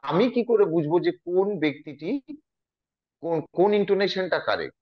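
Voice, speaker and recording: A man's voice: sits high, brisk, highs cut off. A man in a casual chat, asking questions with somewhat hesitant phrasing.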